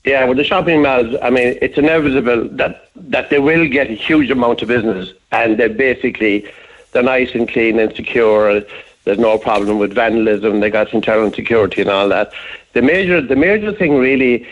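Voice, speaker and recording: A man's voice: mid-range voice, fairly quick. Older Kerry man on dull line. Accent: southwest of Ireland, Kerry. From County Kerry, Ireland. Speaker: radio phone-in caller. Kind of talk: conversational opinion on a phone-in.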